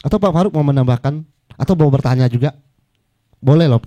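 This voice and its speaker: A man's voice: mid-range voice, brisk, warm tone. A man moderating a live book talk, coaxing the audience to ask questions and hesitating with fillers.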